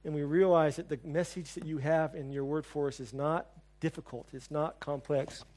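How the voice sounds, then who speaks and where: A pastor closes his sermon and leads a church prayer, earnest and building his lines through repeated phrases in a praying cadence. His voice is slightly high, level, and a little mellow at normal speed, with a touch of hiss or hum.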